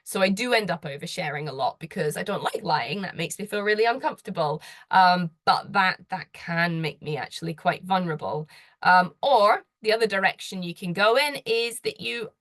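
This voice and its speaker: A woman with a fairly low voice presents slides, offering advice in an earnest, conversational way and asking the listener direct questions. Her intonation is lively, her pace moderate, and she grows louder when enthusiastic. There is no echo.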